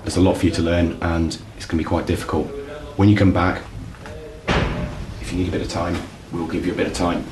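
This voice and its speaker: A man speaking as a platoon commander, calm, reassuring and matter-of-fact. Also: low-pitched, fairly quick. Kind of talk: direct talk and interview. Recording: background noise.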